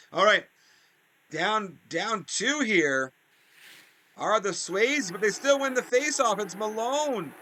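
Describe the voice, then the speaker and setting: A man giving excited play-by-play commentary on a video game hockey league, his voice jumping up on big plays and drifting into chatty asides. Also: a little hiss or hum. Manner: rises sharply in pitch and volume on big plays, chatty asides.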